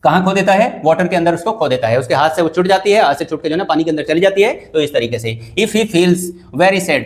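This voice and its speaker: A man teaching a revision lesson, reading English lines slowly with an Indian accent and then explaining them, asking and answering his own questions. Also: on the high side. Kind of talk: exam revision lecture.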